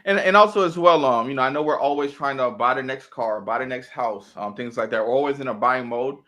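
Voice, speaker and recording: A man's voice: medium pitch, brisk, pushed and bright. Easygoing male show host. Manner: easygoing, many "um" fillers. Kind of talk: casual interview hosting.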